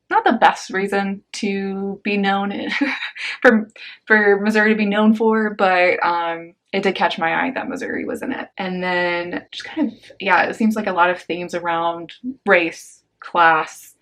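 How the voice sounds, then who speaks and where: Young woman doing a book haul vlog, kinda low voice, casual and slangy, lots of little asides. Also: fairly bright tone. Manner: chatty and slangy, with quick asides and laughs. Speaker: book vlogger.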